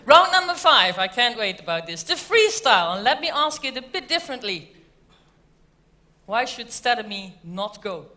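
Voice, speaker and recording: A woman's voice: on the high side, big pitch swings, normal speed, sharp tone. A woman moderating a live stage event in an upbeat manner, as host. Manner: upbeat, echoes speakers' phrases.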